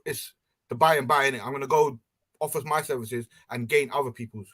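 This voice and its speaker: A man's voice: mid-range voice, brisk. A young man talking casually and promoting an event, heard over a group voice chat on the internet. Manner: animated, promotional, street slang. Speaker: panel member.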